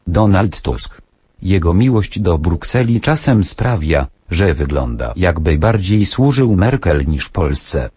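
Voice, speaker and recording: A computer-generated male text-to-speech voice reading out quoted statements in an even, machine-read delivery. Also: low voice, slow pace, slightly rough, no room sound, studio quality. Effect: synthetic text-to-speech voice.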